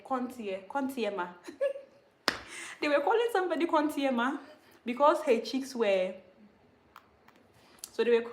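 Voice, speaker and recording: A woman, a Dagaare speaker, casually teaching vocabulary on a livestream, repeating words slowly and laughing at herself often. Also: mid-range voice, echoey room. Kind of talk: casual spoken language lesson.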